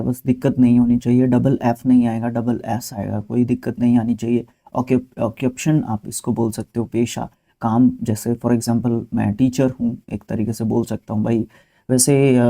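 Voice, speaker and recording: An English vocabulary teacher with an Indian accent explains a spelling lesson, patiently addressing his students directly in a relaxed, conversational way. His voice is very dark, mellow and creaky at an ordinary middle pitch, and he fills his talk with easygoing fillers and side remarks.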